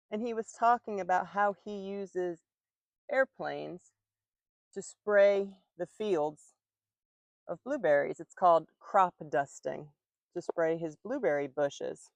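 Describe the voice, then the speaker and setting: A woman teaching English slowly and clearly while working in her garden. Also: lowish voice, no room sound. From United States. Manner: slow, clear, patient explaining. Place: outdoor garden, rooster in background.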